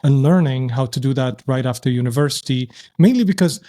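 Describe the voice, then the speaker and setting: In a brisk, dark, mid-range voice, a man from Syria who works as an entrepreneur talks thoughtfully as a guest on a casual podcast interview. His reflective answers are marked by frequent sentence restarts.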